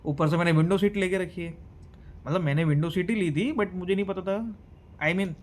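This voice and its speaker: A young man from Gujarat telling a travel story in a casual vlog, animated, switching between Hindi and English. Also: high-pitched, moderate pace. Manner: animated, mixes Hindi and English, mimics others. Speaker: vlogger.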